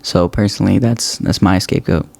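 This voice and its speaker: A man's voice: low voice, fairly even intonation, brisk, vocal fry, darkish tone. A man in his twenties co-hosting a podcast, speaking frankly and laid-back in casual chat. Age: 20s. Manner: laid-back, frank, lots of "you know". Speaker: podcast co-host.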